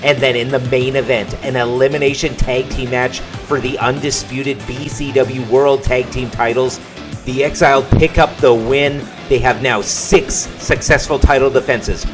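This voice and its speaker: Energetic male wrestling commentator. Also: medium pitch. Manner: energetic play-by-play calling. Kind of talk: play-by-play commentary over a video game.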